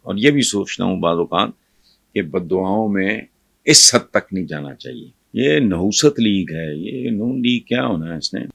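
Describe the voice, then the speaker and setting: An older male commentator from Pakistan scolds and mocks in a fiery monologue. His voice sits low with a gravelly fry, and the sound is dry and close to the mic. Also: animated, dry recording. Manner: scornful and scolding, with bursts of loud mockery. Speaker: political commentator. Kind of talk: fiery political commentary to camera.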